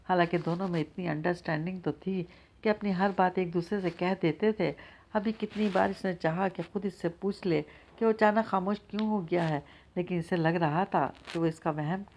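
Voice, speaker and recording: A woman narrating a novel in a steady, measured reading. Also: on the low side. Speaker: audiobook narrator.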